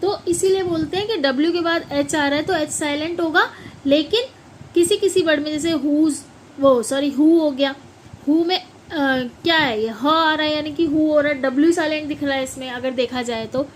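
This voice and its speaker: A woman's voice: high-pitched, normal speed, slight background noise, rough recording. A woman teaching pronunciation in a classroom style. She spells out words letter by letter, repeats them, and keeps checking that her listeners follow. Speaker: English teacher. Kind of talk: classroom explanation.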